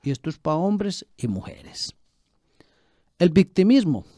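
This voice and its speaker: Pastor preaching, dry close sound. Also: male voice, sits high, big pitch swings, slow, mellow, dry recording. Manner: preaching with rhetorical questions and repetition. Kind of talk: sermon.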